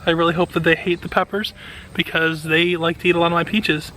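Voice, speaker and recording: A man's voice: fairly high pitch, flat delivery, a little fast, sharp tone, a little hiss or hum, rough recording. An enthusiastic man giving casual hands-on commentary as a gardening vlogger.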